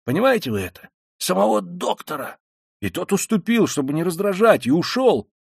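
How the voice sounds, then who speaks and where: A man reading an audiobook voices a drunk, excitable young man who shouts and blusters. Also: medium pitch, moderate pace, dry recording, studio quality, lightly acted. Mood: urgent.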